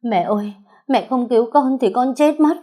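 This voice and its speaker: A woman voicing a desperate middle-aged mother who begs and sobs, in a high, tearful voice, reading a story aloud. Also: moderate pace, dark tone, natural voice. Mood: tearful pleading. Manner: pleading, tearful, high-pitched. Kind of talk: audiobook storytelling.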